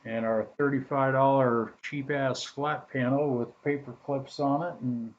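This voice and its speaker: A man hosts a DIY tutorial, walking through a hands-on task in a casual, halting, laid-back manner. His voice is medium in pitch with fairly even intonation, and the poor, phone-quality sound comes from a laptop's built-in microphone.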